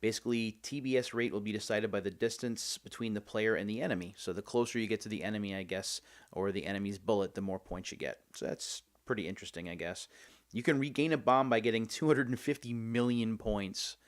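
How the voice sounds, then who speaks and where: A man's voice: on the low side, a little fast. A man hosting a video, giving casual, chatty unboxing commentary and thinking aloud as he goes. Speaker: host of a game unboxing video series.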